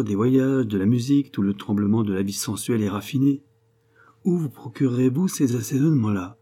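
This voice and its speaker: A man's voice: fairly low pitch, mellow, close to an everyday voice. A man reading aloud, voicing a sarcastic, worldly middle-aged writer who lectures in a mocking tone.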